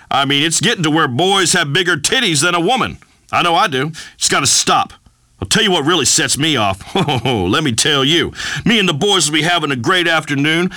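A man's voice: on the high side, sharp tone, no room sound, heavily acted. An actor playing a boorish, macho rural radio host who makes pompous, blustering pronouncements to his callers. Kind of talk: comedic talk radio monologue.

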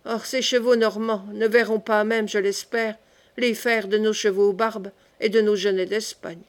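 A woman's voice: medium pitch, level tone, unhurried, close to an everyday voice. Woman reading as a bold young captain. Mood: determined. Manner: resolute, speaks of vengeance like a soldier. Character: young male Huguenot captain, loyal, bold. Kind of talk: audiobook character reading.

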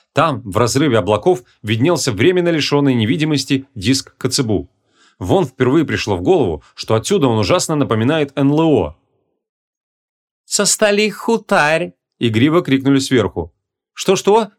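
A man narrating a humorous fantasy audiobook in an expressive, dramatic storytelling manner. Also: mid-range voice.

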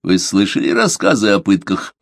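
Guy reading a grim inquisitor grilling someone, cold, lowish voice, dry close sound. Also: very animated, moderate pace, no echo, full character voice. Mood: interrogating. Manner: cold probing interrogation. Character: stern grim male inquisitor, older cleric. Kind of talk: audiobook character reading.

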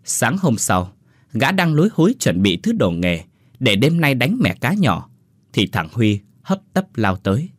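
A man narrating a story in a scripted style, lively and shifting his voice for the characters. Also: medium pitch, a little slow, no room sound, studio quality.

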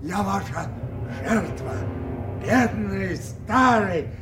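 A man's voice: sits high, lively intonation, full character voice. An actor playing an anguished old king who rages at a storm in grand, impassioned Russian stage tragedy verse. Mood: bitter, wounded. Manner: grand, drawn-out, impassioned declamation. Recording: echoey studio drama with loud music.

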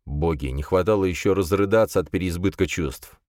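A man narrating an audiobook in an expressive storytelling manner. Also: deep voice, a little fast, no echo, studio quality. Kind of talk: scripted narration.

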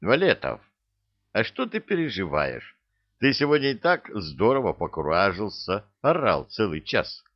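A man's voice: lowish voice, sing-song, a little slow, no room sound, muffled recording, full character voice. A man voicing a blunt, commanding middle-aged army lieutenant colonel. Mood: stern.

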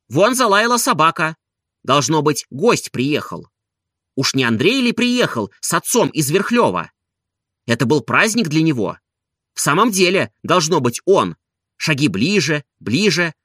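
A man reads a classic novel aloud in a bright, fairly high voice. His pitch rises and falls widely as he moves between narration and the characters' lines. The sound is dry and close, with no room around it. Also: dry recording. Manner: expressive reading, voicing characters by raising and lowering pitch. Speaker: audiobook reader.

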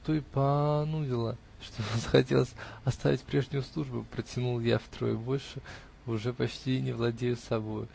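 A man reading a classic novel aloud in the first person, with expressive storytelling. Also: mid-range voice, normal speed, creaky, slight background noise.

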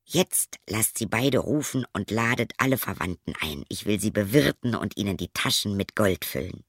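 A man's voice: fairly low pitch, lively intonation, moderate pace, a bit bright, no echo, studio quality. Man voicing a bold young craftsman. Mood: earnest. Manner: raised, emphatic, confident. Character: clever young male craftsman, bold and proud.

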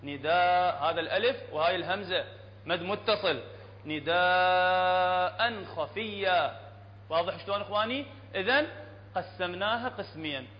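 Iraqi man teaching tajweed, high voice, often checks with the class, dull lo-fi hall recording with faint hum. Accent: Iraqi Arabic. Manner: explains plainly, checks often with the class, chants verses slowly. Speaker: Quran recitation teacher.

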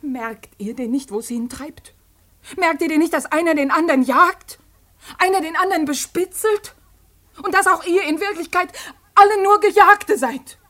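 A distraught young woman defying her father, high and heartfelt, close to tears. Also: moderate pace, fairly bright tone. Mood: despairing. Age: young adult. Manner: impassioned pleading, breaking into tears. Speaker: daughter. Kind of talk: radio drama acting.

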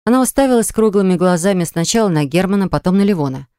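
A reader telling a romance story in steady, expressive audiobook narration. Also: medium pitch, quick pace, smooth, no room sound, clean studio sound.

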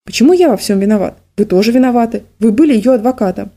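A guilty young man from an audiobook who defends himself and whines, read by a woman in her own voice. The tone stays mellow and dark throughout. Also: a little high, fast talker. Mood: defensive. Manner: defensive, whining.

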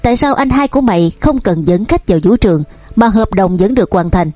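A harsh old father who scolds his sons, read by a woman. The voice is mellow and a little husky, and the recording is dry. Faint music plays underneath. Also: mid-range voice, animated, a little fast, no room sound, natural voice. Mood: furious. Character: stern angry old father, a company owner.

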